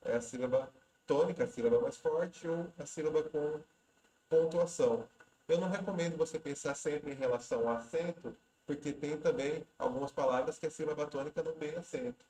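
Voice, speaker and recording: A man's voice: on the high side, fairly quick, mellow, reverberant, rough recording. A man walking through exam questions in a casual, conversational teaching manner, often restarting words mid-sentence. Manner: conversational, repeats and restarts words while explaining. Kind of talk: casual explanatory lesson.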